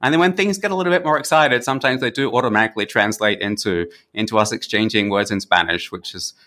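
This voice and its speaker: An Australian man in his forties chats easily as an interview guest. His voice is low-pitched and bright, with a forward edge. He talks in a friendly, loose way, full of ums and restarts. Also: fast. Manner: friendly, with frequent fillers and restarts. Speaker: podcast guest. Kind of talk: conversational interview.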